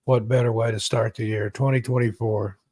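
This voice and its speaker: Male host for a casual late-night stream. Mid-pitched, rambling delivery full of "uh"s, close and dry. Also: flat delivery, a little fast, darkish tone, no room sound. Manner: rambling, frequent fillers and throat-clearing. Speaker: live stream host and storyteller. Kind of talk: casual live-stream chat.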